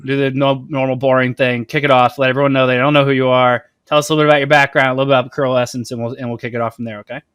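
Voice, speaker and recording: Bright, dry-sounding man hosting an interview. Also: medium pitch, level tone, rapid-fire, hardly any pauses, clear, resonant tone, dry recording. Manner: brief encouraging interjections, loose questions. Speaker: podcast host.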